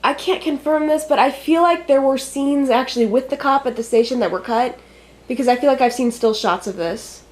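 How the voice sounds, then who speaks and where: A woman co-hosting a podcast, chatting casually with quick reactions and wry asides. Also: high voice, darkish tone. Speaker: podcast co-host. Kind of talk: casual chat.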